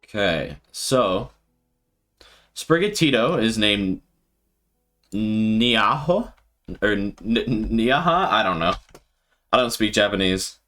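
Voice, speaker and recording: A man streaming live and thinking out loud with casual commentary, laughing often. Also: on the low side, lively intonation, slow pace, long pauses, faint music behind. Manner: thinking aloud, frequent laughter.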